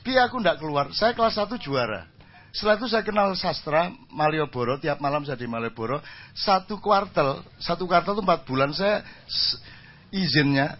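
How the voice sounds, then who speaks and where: Man, East Javanese accent, husky voice, joking storyteller, dull lo-fi recording. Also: high voice. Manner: jokey, self-mocking, slips into Javanese. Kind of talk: humorous storytelling talk.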